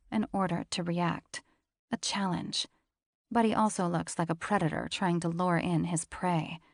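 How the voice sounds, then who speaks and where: Female romance audiobook narrator, intimate and confessional, gravelly, dry studio sound. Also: lowish voice, darkish tone, no echo. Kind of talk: scripted first-person romance narration.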